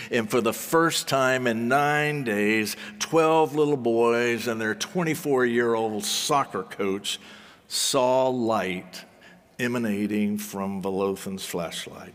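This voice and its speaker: A man preaching a sermon in deliberate, solemn phrases, with rhetorical repetition and dramatic pauses. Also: mid-range voice, fairly bright tone. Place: large reverberant hall or sanctuary. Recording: long hall reverberation.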